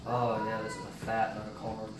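Speaking in a lowish, monotone voice at a moderate pace, a young adult man walks through his meal prep in a home kitchen. He's a fitness cooking vlogger giving a casual demo, thinking out loud and full of fillers. It's captured by a far-off camera on a stand, leaving it echoey and noisy.

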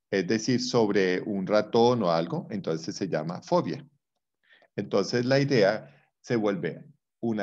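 A man's voice: on the low side, darkish tone, muffled recording. A man teaching a psychology class, explaining with playful examples and teasing his students. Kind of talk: online class lecture.

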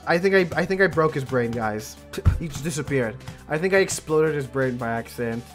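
A man live-streaming a game, chatting excitably with his viewers and mocking himself. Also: fairly high pitch, normal speed, soft background music. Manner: excitable, self-mocking, talks to chat. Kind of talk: live gaming stream chat.

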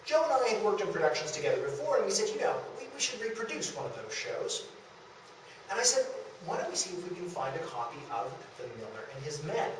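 A man with a slightly high voice gives a storytelling history lecture with slides in a small indoor room at a historic house. He's recorded from a few metres away on a camera mic, so the room sounds extremely echoey, with faint noise.

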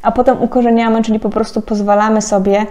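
A woman in her thirties giving a casual, chatty card reading, often laughing and filling pauses. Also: fairly high pitch, little pitch movement, mellow. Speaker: tarot card reader.

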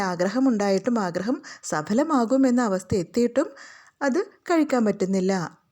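A woman's voice: on the high side, dark tone. A woman teacher with a Malayali accent reads a school lesson aloud and explains it to children, asking them questions as she goes.

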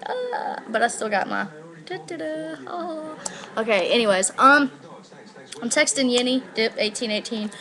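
An eighteen-year-old woman vlogger chats to camera in her living room, rambling, using slang and swearing. Her voice is high and a bit bright, picked up by her laptop's built-in microphone at arm's length.

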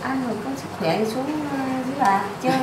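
High-voiced woman chatting from across the room. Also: quick pace. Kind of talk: casual family chat. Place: home, indoors. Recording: distant, echoey, noisy home recording.

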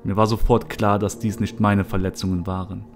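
Low-voiced man narrating a horror story. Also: little pitch movement, fairly quick. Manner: somber, low-key. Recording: soft music behind.

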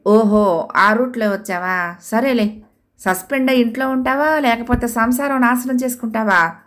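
A woman's voice: medium pitch, moderate pace, a bit bright, natural voice. A woman voicing a domineering wife with a commanding, threatening manner. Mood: demanding. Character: bossy domineering wife, aspiring writer.

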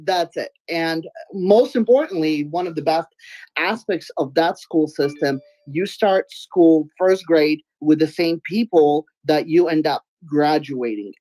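A giggly woman from Belarus, a first-language Russian speaker, chats as a guest artist in a casual interview, her low-pitched voice a little nasal and paced in a measured way. She's expressive and sometimes loud. Recorded indoors at home on a video-call webcam, the audio is low quality with no room sound.

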